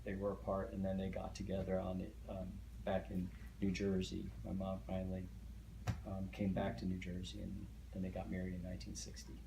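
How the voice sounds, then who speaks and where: This middle-aged man, Hungarian by first language, talks about his family's past in an oral history interview, hesitating with many fillers and restarts. His low voice is brisk, completely flat, and shows vocal fry. The room echoes, and there is faint background noise.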